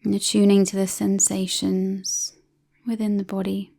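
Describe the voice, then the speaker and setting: Long pauses punctuate this woman's guided relaxation, delivered softly and breathily and often close to a whisper. She sounds calm and soothing, with a gravelly, mid-range voice.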